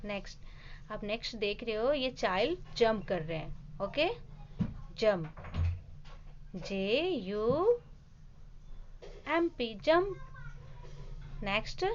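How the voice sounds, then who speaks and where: A woman teaching kindergarten phonics, spelling words letter by letter at a very slow, deliberate pace. Her voice sits a little high. The recording is slightly dull, with a faint hiss behind her. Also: big pitch swings.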